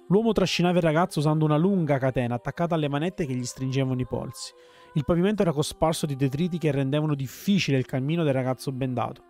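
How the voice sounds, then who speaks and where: A man reading a dark game story aloud in a measured, grave storytelling manner. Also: medium pitch. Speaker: let's player reading story text.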